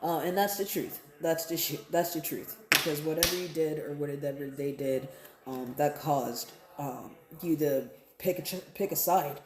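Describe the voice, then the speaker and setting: A woman with a low voice gives a casual, improvised tarot reading at a moderate pace, in an echoey room with background noise. She talks straight to her viewers in a conversational, repetitive way, regularly checking in with "right?" and "okay?".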